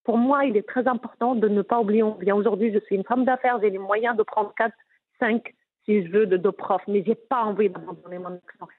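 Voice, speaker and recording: A woman's voice: medium pitch, steady tone, brisk, breathy edge. A middle-aged woman speaks French with a strong Moroccan accent, earnest and insistent, often stumbling and restarting as she presses her point. Her voice comes through a narrow, phone-like band. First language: Moroccan Arabic. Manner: earnest, emphatic, frequent restarts. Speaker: interviewee, businesswoman. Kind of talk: candid personal interview.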